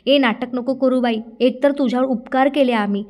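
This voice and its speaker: A spoiled young woman hurls scornful insults, sprinkling in English words, as a woman reads her. Her voice is high and sharp. She sounds like a storybook villain in a family drama. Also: moderate pace, lightly acted. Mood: scornful anger.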